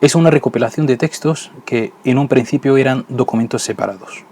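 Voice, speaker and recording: A man who isn't a native Spanish speaker hosts and narrates a scripted religious lesson in a measured, didactic manner. His voice is mid-range, dark, and slightly rough.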